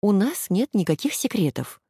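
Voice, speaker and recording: A woman voicing a gentle, timid young woman who speaks softly and placatingly. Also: medium pitch, big pitch swings, moderate pace, breathy edge, dry recording, clean studio sound, pitched above the performer's own voice. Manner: soft, placating.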